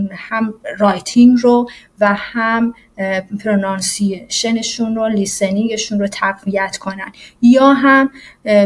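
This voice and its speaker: A woman English teacher walking through a software tutorial in a casual, explanatory way, often pausing on "uh". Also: medium pitch. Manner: casual and explanatory, with frequent "uh" fillers. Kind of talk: screen-recorded software tutorial.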